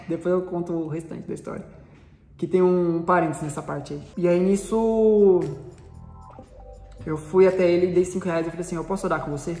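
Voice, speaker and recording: A man's voice: high-pitched, a little mellow. A man with a Brazilian accent giving a personal faith testimony in a casual, slangy storytelling way, acting out the dialogue. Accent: Brazilian Portuguese. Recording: roomy echo with long reverb, faint background music.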